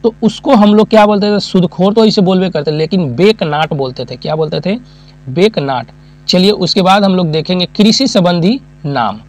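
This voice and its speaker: High-voiced teacher with a lilt. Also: male voice, normal speed. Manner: asks listeners questions and answers them himself; uses homely examples, repeats key terms. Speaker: exam-prep teacher. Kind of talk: classroom lecture.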